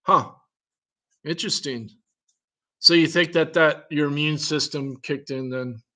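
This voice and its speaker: In a casual chat, a man with a voice a little higher than most men's rambles loosely and thinks aloud, unhurried, with a bright, forceful tone. He reacts with curious little questions and often chuckles between remarks.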